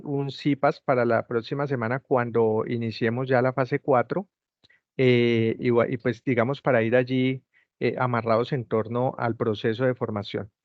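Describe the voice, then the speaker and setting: Tutoring an online class over a video call, a man with a medium-pitched voice patiently repeats instructions step by step. There is no room sound, and the call audio comes across as dull, dry, and lo-fi.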